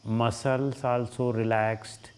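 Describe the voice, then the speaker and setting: With a level, clean tone and a mid-range voice, an Indian-accented yoga teacher talks listeners through a relaxation exercise. He gives his instructions in short phrases, pausing at length between each one.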